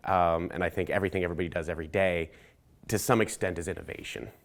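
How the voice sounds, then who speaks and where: A middle-aged man, a company CEO, speaking in a relaxed, grateful award testimonial. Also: low voice, quick pace.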